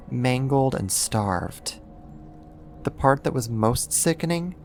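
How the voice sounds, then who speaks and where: In an intimate ASMR roleplay, a performer plays a possessive yandere neighbor who has become a kidnapper, coaxing and doting with quiet menace and deliberate pauses. The mid-range voice feels both sinister and soothing, with slight background noise.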